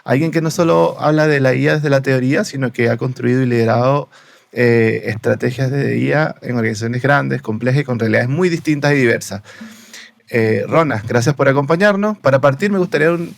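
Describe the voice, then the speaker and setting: Gravelly-voiced male podcast host. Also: mid-range voice, fairly quick, no room sound. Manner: conversational, with hesitant fillers. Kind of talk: podcast introduction.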